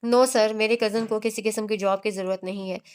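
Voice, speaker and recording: Proud, quick-tempered young heroine, read by a woman narrator, clear, steady. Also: mid-range voice, natural voice. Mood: indignant.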